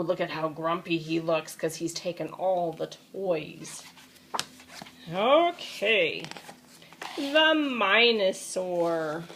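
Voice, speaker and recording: Reading a children's storybook aloud, a woman uses dramatic emphasis and adds chatty asides to a young listener. Her voice is mid-range with a sharp tone, and there is a little hiss or hum in the recording.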